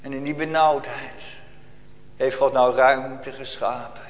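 In a church whose hall gives a long reverb, a pastor presses his congregation with rhetorical questions in a solemn, urgent sermon. His voice is medium-pitched and steady, and he takes it slowly.

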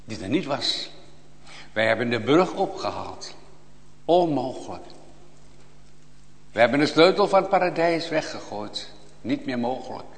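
Preacher in a reverberant church. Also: male voice, mid-range voice, sing-song, measured pace, creaky, long pauses. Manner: impassioned preaching, swings from hushed to loud. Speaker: pastor. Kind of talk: sermon. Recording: long reverb of a church hall.

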